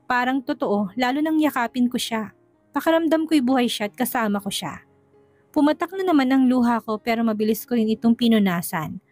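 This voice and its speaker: A woman's voice: fairly high pitch, a little mellow, no room sound. A woman narrating a first-person romance story in an emotional, tearful way.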